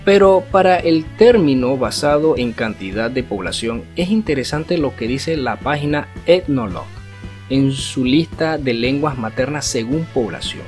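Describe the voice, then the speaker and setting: A man's voice: medium pitch, animated, normal speed. Man explaining a language lesson. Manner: didactic, asks rhetorical tag questions. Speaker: Cantonese language teacher. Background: faint guitar music.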